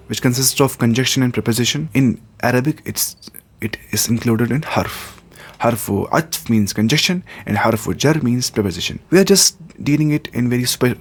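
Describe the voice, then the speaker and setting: A man gives a grammar lesson in a medium-pitched voice, stopping to repeat every term and example. He glosses each word in English and builds slowly toward the larger picture. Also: husky. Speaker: Arabic teacher.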